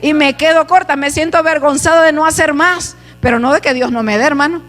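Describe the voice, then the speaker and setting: Middle-aged woman preacher with a high voice, exhorting and shouting, recorded with long hall reverb. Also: brisk. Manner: exhorting, calls out to listeners, bursts into shouts. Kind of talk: fervent Pentecostal-style sermon. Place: church sanctuary.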